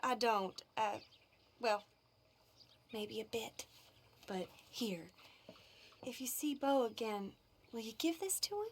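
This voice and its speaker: A spirited young suffragette in a video game. Her voice sits high and her tone is defiant. She never backs down. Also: expressive, slow pace, pauses often, slight background noise. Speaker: game character. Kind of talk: video game cutscene acting.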